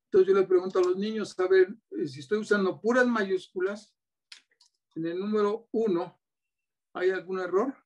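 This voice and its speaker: Mexican man, high-pitched, patient teacher showing classroom materials. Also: fairly even intonation, moderate pace, darkish tone. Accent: Mexican Spanish. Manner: patient, asks many rhetorical checks. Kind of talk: classroom-style demonstration.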